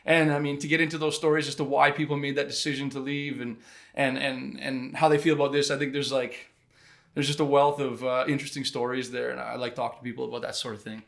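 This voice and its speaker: A man's voice: mid-range voice, level tone, quick pace, creaky, fairly bright tone. A man co-hosting a podcast, asking questions with eager, emphatic enthusiasm. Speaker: podcast co-host. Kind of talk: casual interview chat.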